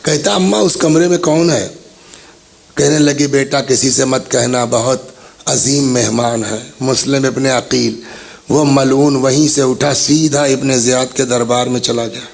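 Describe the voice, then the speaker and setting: A man's voice: mid-range voice, fairly even intonation, vocal fry. A man giving a Muharram majlis sermon as a religious orator, telling the story dramatically and voicing its people while speaking directly to the gathering.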